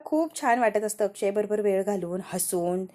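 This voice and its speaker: Mellow woman recapping a soap episode. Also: mid-range voice, moderate pace. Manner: retells scenes and reads out characters' lines. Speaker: TV serial recap narrator. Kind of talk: casual storytelling recap.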